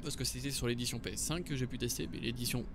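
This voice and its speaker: A man's voice: medium pitch, fairly even intonation, quick pace, music in the background. A man giving casual, joking commentary on a game he is playing. He talks chattily and corrects himself often. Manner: chatty, joking, many fillers and self-corrections. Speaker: gaming video host. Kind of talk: casual let's-play commentary.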